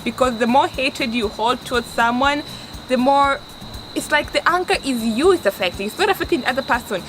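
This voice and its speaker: A Tanzanian woman in her twenties gives earnest life advice in a casual vlog, speaking with a Tanzanian accent in a high voice, a little fast. She often restarts her sentences and stresses words for emphasis. The low-quality recording carries steady background noise.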